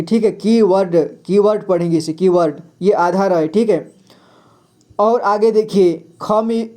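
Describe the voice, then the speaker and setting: A man giving a slow reading lesson, patiently spelling out words and repeating each one several times for learners. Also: high voice, dark tone. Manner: asks and answers his own questions. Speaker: Hindi reading teacher.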